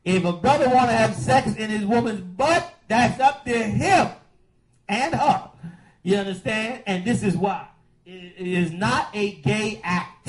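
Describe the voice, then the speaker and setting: A man hosting a call-in radio show as a preacher, with a preachy, drawn-out emphatic delivery. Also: high-pitched, poor audio.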